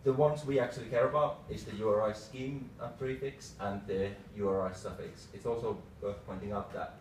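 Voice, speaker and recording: A male tech presenter runs through a casual lightning talk on slides, briskly and a little mellow, his low voice broken into short phrases. He's picked up by a far camera mic across a small meeting room, giving a reverberant sound with distinct background noise.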